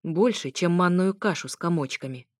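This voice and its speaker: A woman's voice: fairly low pitch, moderate pace, no echo, studio quality, lightly acted. Woman reading a smug, mocking ex-husband. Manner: stern, sarcastic.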